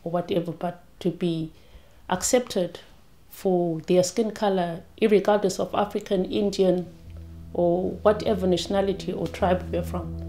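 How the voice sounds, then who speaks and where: A woman from Zimbabwe speaking in a documentary interview, slow and deliberate with some hesitation. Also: lowish voice, steady tone, mellow. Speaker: community member.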